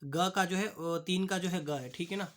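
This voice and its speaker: A young adult man teaching a class, working through textbook answers in a halting way, often restarting words and repeating a filler phrase. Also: high voice, fairly bright tone, a little hiss or hum. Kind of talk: classroom lesson explaining answers.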